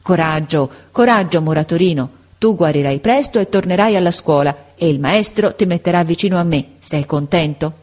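A woman reading aloud voices a kind schoolboy speaking gently and reassuringly to a sick friend. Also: fairly low pitch, normal speed, hardly any pauses, close to an everyday voice. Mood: tender.

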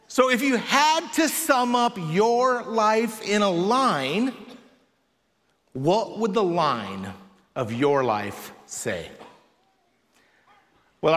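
A man preaching a sermon in a church in an unhurried, conversational way with dry touches of humor. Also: sits high, a bit bright. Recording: long reverb of a large hall.

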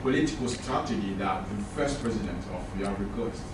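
A man with an Ivorian accent putting a formal question from the floor in a halting, hesitant way. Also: on the low side. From Côte d'Ivoire. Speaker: audience member asking questions. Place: echoey room at a public talk. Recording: very echoey, distant, noisy room pickup.

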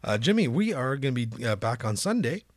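A man's voice: mid-range voice, sing-song, a little fast, no room sound. A man hosting a casual comedic news show, bantering in a jokey, mock-official manner. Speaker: talk show host.

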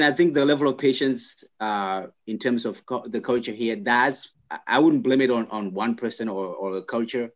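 A young man from Zimbabwe talks in a middle-pitched voice, reflective and unhurried, often stopping to restart his sentences. The sound is a little dull, like a lo-fi recording. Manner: thoughtful, halting, many restarts and fillers. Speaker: guest. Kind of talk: conversational interview.

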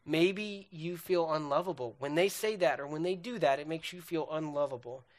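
A man's voice: fairly high pitch, moderate pace. A young man giving an earnest, conversational sermon on relationships, speaking straight to his listeners and often checking in with "right?". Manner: lists questions and feelings one by one.

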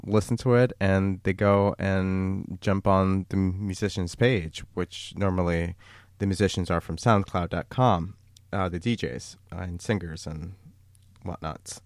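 A man's voice: deep voice, a little slow, no echo, clean studio sound. A man hosting a podcast in a casual, chatty way, often laughing along. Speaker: podcast host.

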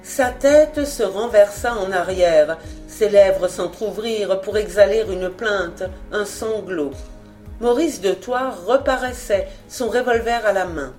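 Expressive woman reading a novel aloud. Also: mid-range voice, slow, faint music behind. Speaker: audiobook narrator. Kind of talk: scripted narration of a novel.

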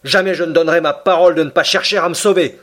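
A man voicing a hot-tempered, defiant male harpooner who speaks in a quick, heated way, his voice pitched well above his own, in an audiobook reading. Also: fairly even intonation, a bit bright, natural voice.

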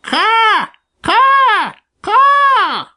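A shrill screaming crow. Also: male voice, very animated, very slow, bright, forceful tone, heavily acted. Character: loud cawing male crow.

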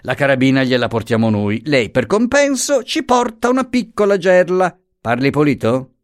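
A man voicing a grown male lawyer who talks with a phlegmatic, teasing calm. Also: a little high, normal speed, voice pushed up. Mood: mocking calm.

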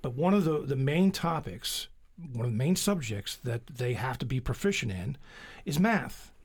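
A man's voice: mid-range voice, sing-song, normal speed, slightly rough. A male radio talk show host asking questions in a conversational way, with folksy asides. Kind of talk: public radio interview.

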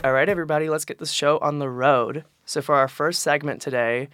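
A young adult man co-hosting a podcast, chatting casually and telling stories in an informal, animated way. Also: a little high, brisk, over loud music. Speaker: podcast co-host. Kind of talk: casual chat.

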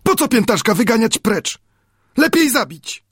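A man's voice: very high-pitched, very animated, moderate pace, fairly bright tone, slightly rough, dry recording, clean studio sound, voice pushed up, heavily acted. A man voicing an earnest, devoted young islander man who speaks in broken, pleading phrases in an audiobook. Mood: desperate. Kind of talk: audiobook character voice.

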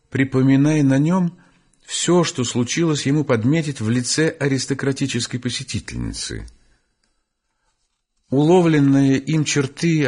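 A man reads a classic novel aloud. His voice sits in an ordinary middle range. The delivery is measured and unhurried. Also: medium pitch, darkish tone. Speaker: audiobook narrator. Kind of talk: classic literature audiobook reading.

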